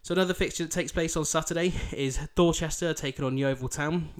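His voice is fairly high, smooth and steady in tone, and he talks fast. A thick-accented Yorkshireman from Bridlington, East Yorkshire, England, he hosts a football podcast, previewing fixtures chattily in a blend of scripted lines and casual talk.

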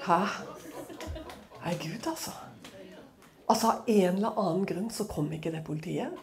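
A woman speaking at a church, telling a personal testimony as a dramatic, chatty story full of conversational fillers. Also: fairly low pitch.

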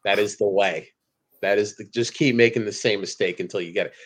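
A man hosts a relaxed sports podcast, talking in an easygoing, joking way and chuckling along. His voice sits a little on the low side. He sounds unhurried and conversational. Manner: laid-back, joking, chuckles often. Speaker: podcast host. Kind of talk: casual fantasy football podcast chat.

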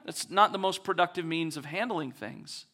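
A man's voice: on the high side, normal speed, bright, forceful tone. A man preaching a conversational sermon as a pastor, acting out quoted voices with touches of humor.

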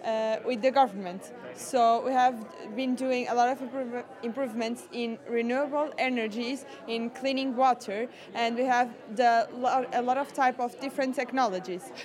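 A young woman from Portugal, a scout, answering interview questions in a halting way, searching for words. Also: on the high side, fairly even intonation, darkish tone. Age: young adult. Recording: crowd chatter behind.

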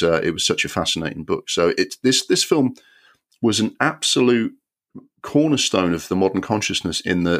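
A man hosting a film podcast, giving an animated, exasperated review with many ums and the odd swear word. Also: low voice.

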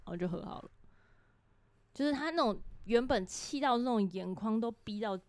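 A woman's voice: on the high side, animated, normal speed, a little mellow, no echo. A woman, co-hosting a casual chat and telling stories about her child. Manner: storytelling, acts out her child's and her own lines. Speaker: podcast co-host, mother.

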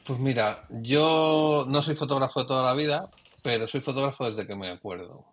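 In a conversational interview, a middle-aged Spanish man who works as a professional photographer looks back on his career, his sentences trailing off and starting over. He talks at a moderate pace in a medium-pitched, fairly bright voice.

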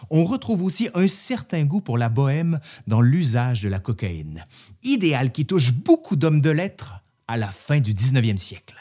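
A man with a slightly high voice narrates history from a script, reading quotations aloud in an articulate, expressive way.

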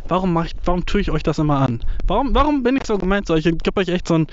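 A man's voice: high-pitched, animated, rapid-fire. Slangy young man rambling outdoors. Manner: slangy, profane, mixing in English words. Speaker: vlogger. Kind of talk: casual rambling vlog. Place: outdoors in a windy field. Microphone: mobile phone setup. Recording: dull, lo-fi phone audio.

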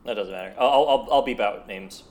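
A man's voice: lowish voice, a little fast, darkish tone. A young man hosting a casual podcast game, rambling and restarting his sentences with lots of fillers. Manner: rambling, self-interrupting with fillers. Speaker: host.

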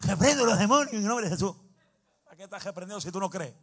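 A man preaching a fiery sermon as pastor, shouting and speaking in tongues. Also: high voice, lively intonation, fast, breathy edge.

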